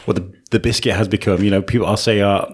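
A man's voice: on the low side, steady tone, fast, slightly rough. A man hosting a podcast in a casual, jokey, rambling way, often repeating words as he gets going. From Telford, England, and North Wales. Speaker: podcast host. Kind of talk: casual interview chat.

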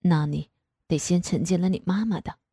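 A husky, darkened voice of a middle-aged father, indulgent and gently teasing, put on by a woman reading the story. He talks slowly and softly, low in pitch. The recording is dry, with no room sound. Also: no room sound. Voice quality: husky, lowered voice.

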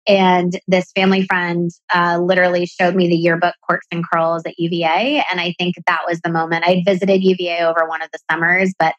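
A woman raised in Pakistan who speaks with an American accent appears as a podcast guest, upbeat and explaining things at length. Her fairly low voice is flat and brisk with hardly any pauses, and the recording sounds dry and dull.

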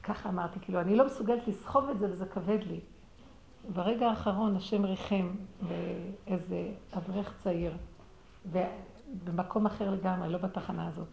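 A middle-aged woman telling a personal story in a religious talk, acting out the dialogue with animation and sinking into quiet, prayerful murmurs. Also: on the low side, steady tone, creaky. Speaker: speaker sharing a personal story. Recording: roomy echo with faint background noise.

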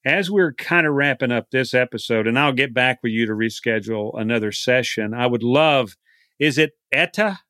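A man's voice: mid-range voice, normal speed, a bit bright, no room sound, clean studio sound. A man with a Texan accent hosting a podcast interview, talking in a casual, rambling way with frequent restarts. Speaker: podcast host.

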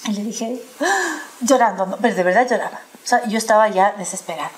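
A middle-aged woman chatting casually on a panel, telling a story in a lively way and often laughing as she talks. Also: medium pitch, fast talker. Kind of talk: casual chat.

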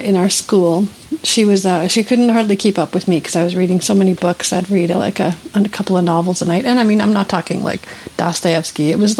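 A woman from Canada speaks as a guest, her voice a little husky and breathy at mid pitch. She tells her story in a loose, chatty way, full of fillers and quick laughs. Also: poor audio. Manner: animated, laughs often, many fillers and restarts. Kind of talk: casual storytelling in an interview.

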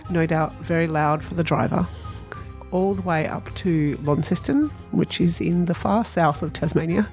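Gravelly Australian woman hosting a podcast. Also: deep voice, a little mellow. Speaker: podcast host. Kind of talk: scripted intro then casual chat.

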